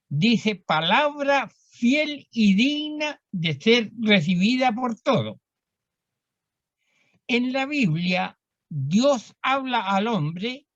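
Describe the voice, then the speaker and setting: A woman preaching a Sunday sermon in a church, slow and deliberate, repeating key phrases for emphasis. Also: medium pitch, no echo, dull audio.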